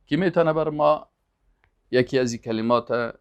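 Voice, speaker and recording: A man teaching Arabic, repeating each word slowly and emphatically, then adding quick explanations. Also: mid-range voice, clean tone. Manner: slow, emphatic word-by-word repetition with quick asides. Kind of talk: language lesson, drilling vocabulary.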